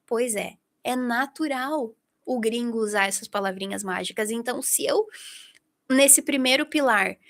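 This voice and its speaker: A woman's voice: on the high side, measured pace. A middle-aged woman from Brazil teaching an online English masterclass, talking straight to her listeners and acting out what her students say. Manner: lively, talks directly to the listener, acts out students' quotes.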